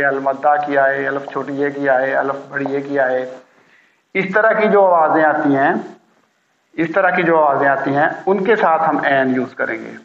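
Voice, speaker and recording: A man teaching a grammar lesson, patiently repeating key words slowly. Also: fairly high pitch. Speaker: English teacher. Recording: roomy, dull lo-fi sound.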